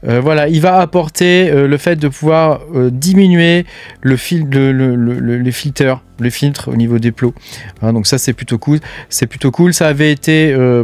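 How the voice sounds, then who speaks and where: A man's voice: mid-range voice, a little mellow, dry recording. A man hosting a casual news roundup for his channel, chatty and full of filler words and hesitations. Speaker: crypto mining channel host.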